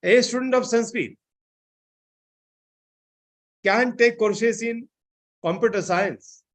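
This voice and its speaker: A man giving an online seminar lecture, often filling pauses with "I think, you know". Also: very high voice. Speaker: seminar speaker.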